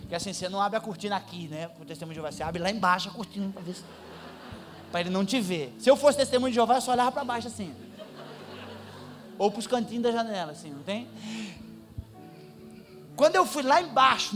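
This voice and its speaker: A man preaching, telling a personal testimony in an animated, comic storytelling manner in church. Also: high voice, quick pace, pauses often, faint music behind. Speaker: pastor. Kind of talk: sermon testimony.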